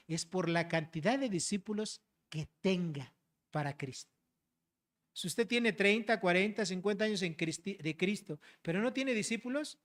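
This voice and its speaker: Pastor, expository sermon, direct, rhetorical questions, tag questions, middle pitch. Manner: explains verses to the congregation, addressing them as brothers.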